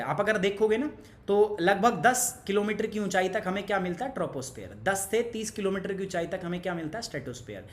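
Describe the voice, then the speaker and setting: A man's voice: high voice, a bit bright, reverberant, slight background noise. A young man teaching an online exam-prep class, chatty and pushy, mixing Hindi with English and asking the class questions as he goes. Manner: pushy, motivational asides to students.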